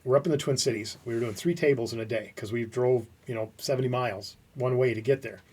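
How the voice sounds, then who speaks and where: A man co-hosting a podcast, telling lively stories in a casual chat. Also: medium pitch, quick pace, breathy edge, recorded from a distance. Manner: animated storyteller who acts out quotes.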